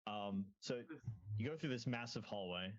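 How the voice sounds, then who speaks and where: A man acting as game master, narrating scenes in a halting way with many ums and restarts. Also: fairly low pitch, dull audio.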